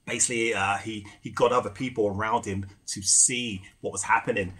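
Husky low-voiced middle-aged man. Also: fairly even intonation, brisk, a bit bright. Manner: storytelling, with fillers and restarts. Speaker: guest, rum ambassador and former bartender. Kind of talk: casual podcast conversation.

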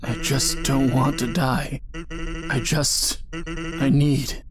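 A man voicing a sinister, mocking, selfish skeleton villain in an animated fan dub, with taunting menace. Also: medium pitch, over a noisy crowd, natural voice. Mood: desperate. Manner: slow, taunting, drawn-out menace. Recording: echoey voice with music behind.

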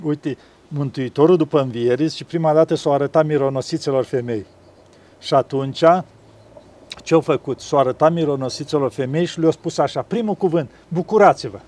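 A man, an abbot, talking gently about faith and acting out little dialogues as he tells stories. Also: fairly high pitch. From Romania. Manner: gentle storytelling, acts out dialogues. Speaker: monk and abbot. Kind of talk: spiritual conversation.

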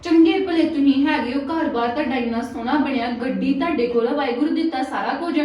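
A high-pitched young married woman with a Punjabi accent, complaining and quick to take offence, played by an actress. She argues over money with her brother's wife. The very echoey room and the distant mic make her sound far off. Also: lo-fi sound, a little hiss or hum, natural voice. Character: young married woman, sister-in-law demanding money, sharp-tongued. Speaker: actor in a family drama.

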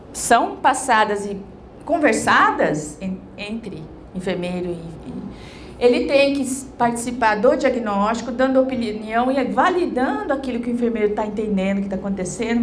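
A woman's voice: a little high, slight background noise. A middle-aged woman giving a conference lecture into a handheld mic in a large hall, explaining step by step and checking in with tag questions.

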